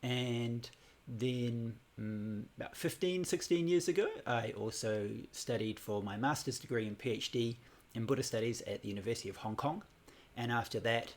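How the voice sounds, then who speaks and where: Over a computer or phone livestream, a fortyish New Zealander leads a laid-back Buddhism class, wandering through his points with frequent fillers and false starts. His voice is mid-range and creaky.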